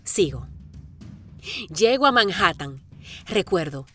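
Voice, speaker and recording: A middle-aged woman narrates her marathon in the first person, with reflective inner-monologue narration and sudden bursts of excitement. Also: fairly low pitch, takes it slowly, faint music behind.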